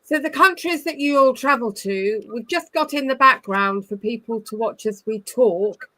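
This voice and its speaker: A woman's voice: on the high side, expressive, normal speed, bright, forceful tone, low-quality recording. A woman hosting a live-streamed interview, reacting enthusiastically and praising her guests' answers. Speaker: host.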